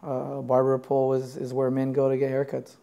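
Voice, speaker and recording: A man, a barber, calmly explaining barbershop history in a documentary interview in a barbershop. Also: mid-range voice, brisk, gravelly.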